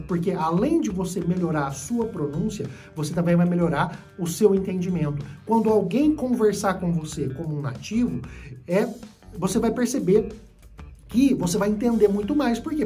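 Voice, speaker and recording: A woman's voice: medium pitch, a little mellow. A Brazilian woman teaching English whose first language is Portuguese, explaining at length with many repetitions and restarts. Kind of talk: online English lesson.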